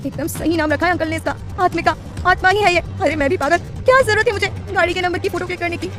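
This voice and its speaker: A woman's voice: very high voice, quick pace, fairly bright tone, soft background music, voice pushed up. A woman voicing a worried, cautious young woman who pleads with her friend in a fretful way.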